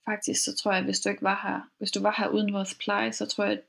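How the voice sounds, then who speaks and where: A woman podcast host retelling a first-person account in a calm, measured way. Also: mid-range voice, gravelly. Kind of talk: storytelling podcast reading.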